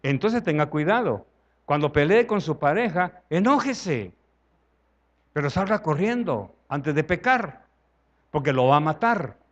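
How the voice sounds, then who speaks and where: A man's voice: fairly high pitch, expressive, measured pace, highs cut off. A man with a Salvadoran Spanish accent preaching a conversational sermon in church, acting out dialogue and asking the congregation questions.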